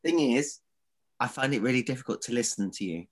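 An Essex man in casual, argumentative back-and-forth. His pitch moves around in a lively way as he piles up repeated phrases to make his point. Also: fairly quick. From Essex, England. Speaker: podcast co-host. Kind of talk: casual bickering chat.

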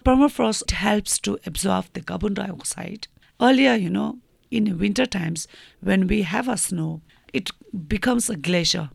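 A woman's voice: mid-range voice, unhurried, vocal fry, breathy edge, no room sound, clean studio sound. A woman from Tibet with a Tibetan accent, explaining her environmental research in an interview.

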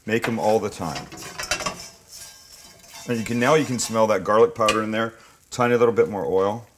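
A man's voice: on the low side, normal speed. A man talking viewers through a dish like a cooking show host, chatty, informal and opinionated. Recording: clear background noise with kitchen clatter.

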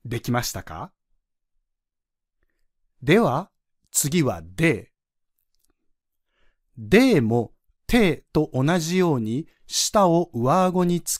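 A man's voice: fairly high pitch, no echo, studio quality. A man teaching French pronunciation on a podcast, patiently demonstrating sounds for listeners to repeat.

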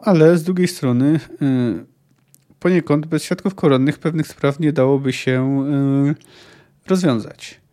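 A man reading a novel aloud and pausing for thoughtful, casual commentary with fillers. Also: mid-range voice, mellow. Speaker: podcast host reading a book.

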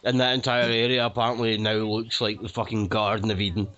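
A man's voice: fairly low pitch, flat delivery, a little fast, pushed and bright, dull audio. A man from Glasgow with a Glaswegian accent, co-hosting a casual film commentary in a jokey, sweary way. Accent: Glaswegian Scottish. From Glasgow, Scotland.

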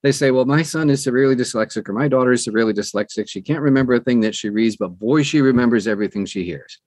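Speaking very fast in a medium-pitched, darkish voice, this middle-aged American interview guest explains things earnestly and emphatically, leaning on anecdotes. He works as a podcast guest and audiobook narrator, and the recording is dry with clean studio sound.

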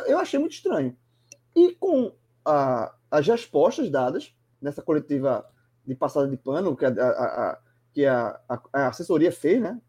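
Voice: mid-range voice, mellow, slightly rough. A sports commentator, talking animatedly and emphatically in a casual sports chat, often restarting words.

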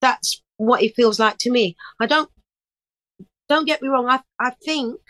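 A woman's voice: a little high, measured pace, fairly bright tone, dry recording, rough recording. A middle-aged woman, a singer and DJ, chatting in an interview in a chirpy, upbeat way and telling stories with lots of energy. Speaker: singer and DJ guest. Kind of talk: casual interview chat.

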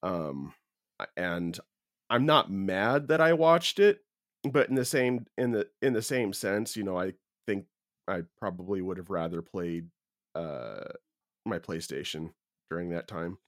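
A man's voice: sits low, animated, a little slow, a bit bright, dry recording, clean studio sound. Hesitant podcast co-host man. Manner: hesitant, repeats words. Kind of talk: casual chat.

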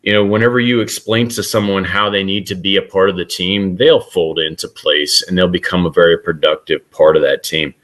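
A man's voice: deep voice, fairly even intonation, a little fast, hardly any pauses, fairly bright tone. A middle-aged man, a guest author, talking earnestly in a casual podcast interview with frequent restarts.

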